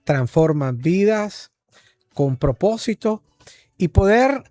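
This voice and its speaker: A man's voice: high-pitched, lively intonation, slow, mellow. A man hosting a podcast interview who greets his guests in an upbeat, welcoming way. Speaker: podcast host.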